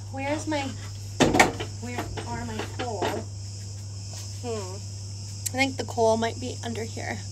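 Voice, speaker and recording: A woman live-streams casual chat while cooking and climbing stairs, moving through her house, outdoor stairs and terrace. Chatty and self-deprecating, she asks viewers questions while panting and a little out of breath from the heat and the stairs. Her voice is on the high side and slow, with long pauses, and the audio is very noisy.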